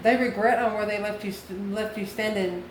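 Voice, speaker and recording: In an echoey room with clear background noise, a woman reads tarot intuitively for the viewer, thinking aloud through brief, repeated phrases and questions. She is an American tarot reader and channel host with a mid-range voice, fairly even intonation and a moderate pace.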